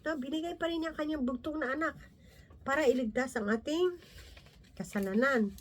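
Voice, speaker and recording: A woman giving an informal Bible talk as a lay preacher, talking conversationally with frequent tag questions, restarts and soft laughs, and reading scripture slowly from her notes. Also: high-pitched.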